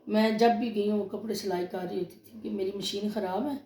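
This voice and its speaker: A woman's voice: medium pitch, steady tone, warm tone, reverberant. A woman with a Pakistani Urdu accent, telling a personal story in a casual vlog, emotional and hurt. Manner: emotional, tells of a quarrel, acts out both sides. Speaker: vlogger.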